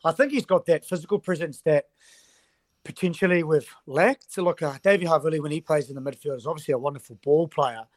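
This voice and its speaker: A man's voice: fairly high pitch, fast talker, dry recording. A man, a rugby coach giving analysis as an interview guest.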